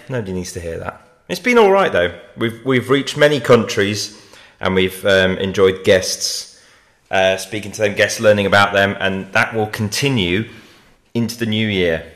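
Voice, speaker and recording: A man with a fairly low voice hosts his podcast in a loose, chatty way. He rambles a little and fills pauses with "um" and "uh." His talk is casual and unscripted. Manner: relaxed, rambling with fillers. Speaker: podcast host.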